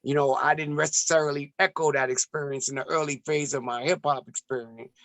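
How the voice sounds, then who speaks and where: A poet and musician from the United States, raised in Ethiopia, speaks as a guest in a reflective interview. His fairly high, fairly bright voice stays steady, measured and rhythmic, though he restarts at times, on a dry recording.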